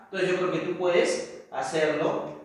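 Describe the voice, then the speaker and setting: A man's voice: on the high side, steady tone, unhurried, recorded from a distance. A male teacher explaining step by step in a recorded lesson, often checking with "¿correcto?". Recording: very echoey room, voice off-mic.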